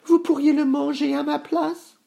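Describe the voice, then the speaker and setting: A man voicing a small, timid young billy goat in a storybook, squeaky and pleading. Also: little pitch movement, a little slow, vocal fry, mellow, heavily acted.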